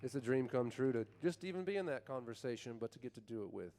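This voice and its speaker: A male country singer-songwriter thanking the crowd from a theatre stage, grateful and halting, restarting his sentences often. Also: mid-range voice, lively intonation, mellow. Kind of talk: on-stage thank-you speech. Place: theatre stage at a live charity event.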